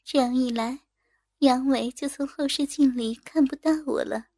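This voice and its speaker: A woman reading a first-person story aloud in a soft, intimate, unhurried manner. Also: sits high, steady tone, no room sound, studio quality.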